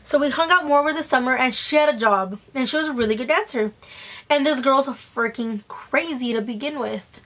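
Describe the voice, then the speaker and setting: Young girl vlogger w high voice, gossipy storytime, rambly slangy chatting, swears, roasts herself. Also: a little fast, fairly bright tone. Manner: acts out quoted dialogue.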